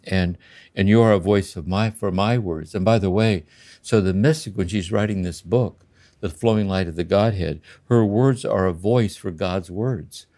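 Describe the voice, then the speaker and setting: An older man in a slow, contemplative spiritual conversation, often checking in with "See?". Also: sits low, warm tone. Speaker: podcast host and spiritual teacher.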